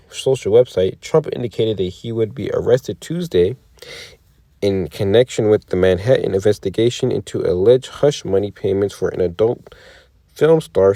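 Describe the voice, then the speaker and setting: A man's voice: on the low side, mellow, no room sound. A tired man giving a casual commentary on scripture and the news, swearing a lot and leaning on "okay" and "man" with frequent rhetorical questions. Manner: profane, peppered with "okay" and "man". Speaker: religious commentator.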